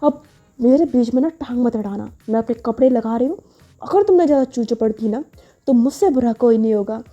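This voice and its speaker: A woman's voice: fairly high pitch, fairly quick, mellow, dull audio, lightly acted. A woman voicing a blunt, bossy young woman who defiantly claims her share of the room. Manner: curt and bossy.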